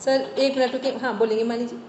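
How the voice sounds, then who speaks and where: A high-pitched woman teaches over a video call, her voice ringing with a long hall echo. Faint noise sits behind her as she patiently corrects pronunciation and sets homework. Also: fairly even intonation, quick pace, darkish tone. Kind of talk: online class instruction.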